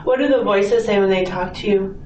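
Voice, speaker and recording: An American police detective, a woman, questions someone with sympathy in an interview room, often confirming what she hears. She speaks a little fast in a mid-range voice with a darkish tone. The audio is dull and faintly noisy, captured by a distant mic that echoes.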